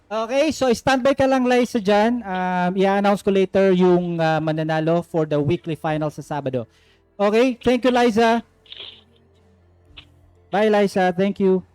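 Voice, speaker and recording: A man's voice: sits high, measured pace, darkish tone, smooth, no echo, faint music behind. A man hosting and judging an online singing contest live, giving friendly coaching feedback, often checking "okay?" and mixing in English phrases. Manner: mixes English phrases into his talk. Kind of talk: live-streamed contest hosting with phone calls.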